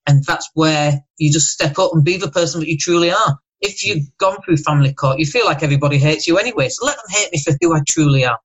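On a casual podcast, a male guest with a fairly high voice, Northern English accent and slight lisp talks with emphasis and motivational energy, firing off quick asides. The recording's high frequencies are cut off.

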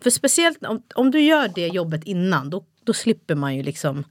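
En kvinna som poddar i lättsamt samtal, instämmer ofta och återberättar livligt. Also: female voice, lowish voice, no echo, studio quality. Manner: agreeable, frequent affirmations, animated retelling. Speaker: podcast co-host. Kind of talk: casual chat.

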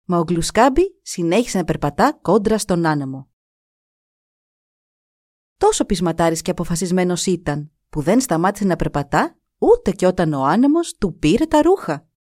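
Woman storyteller, somewhat low, expressive; dry close mic. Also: no echo. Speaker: narrator.

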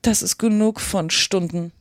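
A reader voicing a bossy, impatient griffin who talks loudly and bluntly in a storybook reading. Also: mid-range voice, lively intonation, moderate pace, no echo, studio quality, close to an everyday voice. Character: gruff bossy griffin from a fairy tale. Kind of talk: reading a children's classic aloud.

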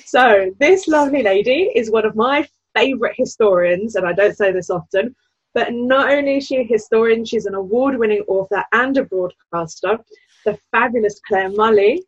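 An excitable, gushing woman co-hosting a casual podcast chat, recorded on a dull microphone. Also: on the high side, normal speed, breathy edge. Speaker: podcast co-host.

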